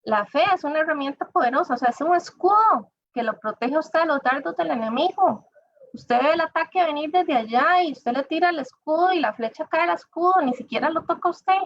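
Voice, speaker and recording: A woman's voice: high-pitched, lively intonation, a little fast, no room sound. A woman giving an informal sermon, talking conversationally and addressing listeners directly. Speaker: church speaker. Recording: dull dry lo-fi recording.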